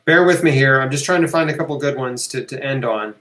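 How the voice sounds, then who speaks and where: Talking fast in a mid-range, fairly bright voice, a man hosts a live health Q&A with a casual, emphatic style. He repeats key phrases, encourages listeners and punctuates with "right?" and "okay?", his voice echoing around a roomy space.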